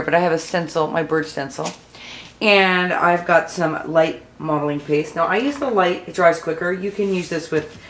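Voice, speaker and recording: A woman talking casually through a craft tutorial as she works, rambling and thinking aloud, with a low early-morning voice. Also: fairly bright tone. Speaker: mixed-media craft tutorial host. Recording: echoey room, faint background noise.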